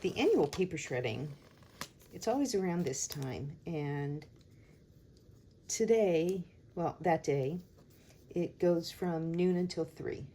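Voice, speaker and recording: A woman with a slightly low, soft-edged voice talks very slowly and casually. She thinks aloud as she goes, musing to herself in an unhurried chat. There is faint noise and the small sounds of writing behind her. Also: animated. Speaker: host of a planner decorating video.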